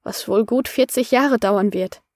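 A woman reading an audiobook voices a calm female coach who soothes and explains. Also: fairly high pitch, a little slow, dry recording, clean studio sound. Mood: soothing.

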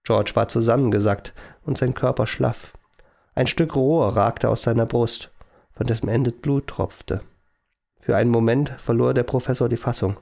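A man reading a story aloud in a calm, even narration. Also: mid-range voice, normal speed, creaky. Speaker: audiobook narrator.

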